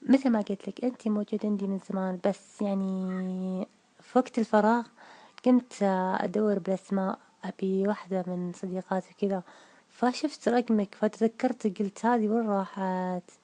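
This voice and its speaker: Coy young Saudi woman, voiced by a man doing a woman's voice, Gulf accent, mellow tone, evasive and halting, telephone audio. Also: high-pitched, fairly even intonation, natural voice. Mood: explaining, defensive. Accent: Gulf Saudi Arabic. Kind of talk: prank phone chat.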